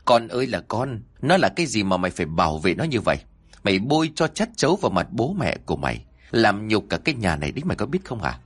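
A man voicing a furious, violent middle-aged father who shouts harsh threats in a husky voice. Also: fairly low pitch, very animated, fast, heavily acted.

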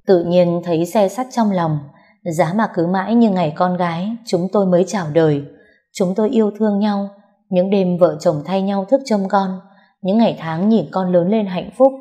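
A woman narrating a first-person story in a soft, sorrowful reading voice. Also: on the low side. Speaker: audiobook narrator.

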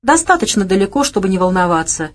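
A woman's voice: medium pitch, very animated, fast talker, natural voice. A woman doing a hot-tempered gangster man. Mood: gruff. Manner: gruff, boastful, blustering. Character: gruff young gangster man, quick-tempered.

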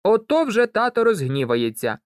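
A reader voicing a fussy, excitable farm girl in a storybook, shrill and fretful. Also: moderate pace, clean tone, no room sound, studio quality, close to an everyday voice.

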